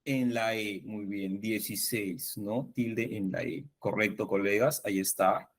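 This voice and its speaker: A man's voice: on the low side, a little slow. Peruvian man teaching spelling over video call. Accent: Peruvian Spanish. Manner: didactic, asks questions and confirms answers. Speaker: teacher leading a spelling workshop. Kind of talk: online teacher workshop.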